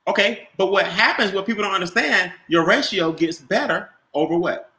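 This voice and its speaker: A man's voice: high voice, normal speed, bright, forceful tone, reverberant. Emphatic man coaching on a video call. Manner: emphatic, repeats key points, quizzes listeners. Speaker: business trainer.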